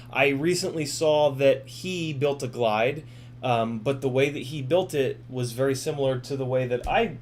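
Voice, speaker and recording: Young guy streaming, lots of ums and restarts, mid pitch, faint hum behind. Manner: rambling with many fillers and restarts; reads chat aloud, swears casually. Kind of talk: casual live-stream chat.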